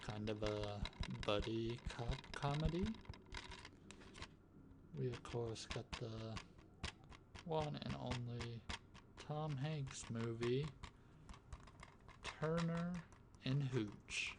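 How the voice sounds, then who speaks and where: A man talking in a soft-spoken ASMR style, gentle and musing, as he rambles casually with tapping sounds around him. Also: medium pitch, slow pace, pauses often. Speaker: ASMR video host. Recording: clicking, tapping noise behind voice. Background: finger tapping and clicking sounds.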